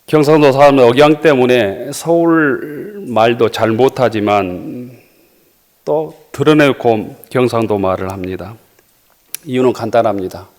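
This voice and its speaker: A man delivering a sermon as pastor, reading scripture verses in a measured way and pausing with small fillers. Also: medium pitch, a little mellow. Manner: frequent hesitation fillers.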